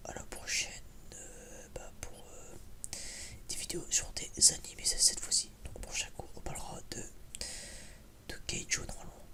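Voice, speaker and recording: Whispering breathily with very little voicing, a man with a very high voice chats hesitantly and casually. As an ASMR YouTuber and film reviewer, he rambles bluntly and slangily.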